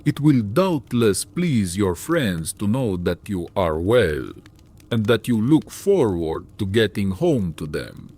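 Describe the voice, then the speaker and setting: An actor playing a sinister, courteous vampire count in an audiobook drama, with formal, deliberate, archaic speech and lingering pauses. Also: male voice, fairly low pitch, big pitch swings, a little mellow, full character voice. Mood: smoothly menacing.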